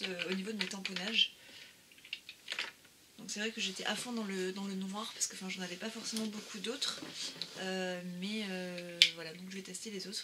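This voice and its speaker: A woman talks casually about her craft purchases, pausing often with fillers and restarting her sentences. Her voice sits at an ordinary pitch, and clear background noise with occasional clicks runs under the recording. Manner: hesitant, many "euh" fillers and restarts. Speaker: craft vlogger. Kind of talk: casual haul video.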